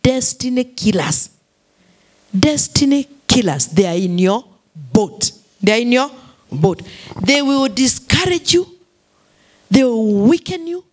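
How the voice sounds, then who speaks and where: A woman's voice: a little high, animated, measured pace, pauses often, a little mellow. A Kenyan woman pastor preaching a sermon, repeating key phrases, mixing English with Swahili and calling for responses from the congregation.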